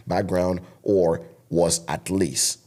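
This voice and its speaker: With a low, darkish voice, he speaks slowly and keeps his tone steady. He's a thirty-something man raised in Togo, French-speaking from birth, with a French West African accent, and he preaches emphatically as a guest content creator on a podcast interview.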